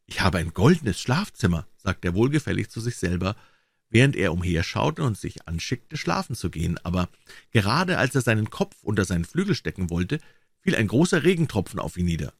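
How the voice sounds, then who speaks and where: A man reading a fairy tale aloud as scripted storybook narration, expressive and theatrical. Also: on the low side, brisk, creaky, no room sound. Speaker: audiobook reader.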